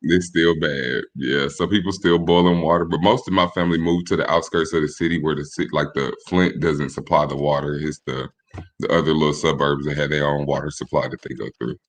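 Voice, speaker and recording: Laid-back and easygoing, this Michigan-raised man in his late twenties talks with a very deep, low voice as a guest on a podcast. In the casual interview, he frequently pauses and starts his sentences over.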